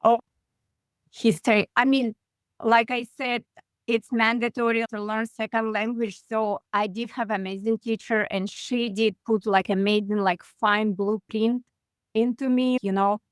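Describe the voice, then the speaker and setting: A woman in her forties from Russia with a Russian accent, chatting as a guest on a video call, halting and full of fillers. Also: fairly high pitch, steady tone, clear, resonant tone, no room sound. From Russia (far east). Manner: halting, many "like" fillers, simplified grammar. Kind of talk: casual interview over video call.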